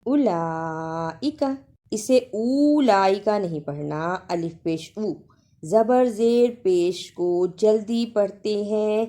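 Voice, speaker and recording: A woman teaching Quran recitation. She chants verses slowly and melodically, then explains the pronunciation quickly, letter by letter. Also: medium pitch, warm tone. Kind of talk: tajweed lesson, chanted recitation with spoken explanation.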